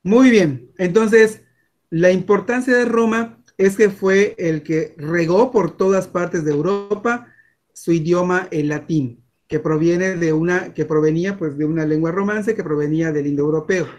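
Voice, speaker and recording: A man's voice: high voice, measured pace, darkish tone. A Mexican man teaching a class over a video call, chatty and full of fillers and restarts. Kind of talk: online class lecture.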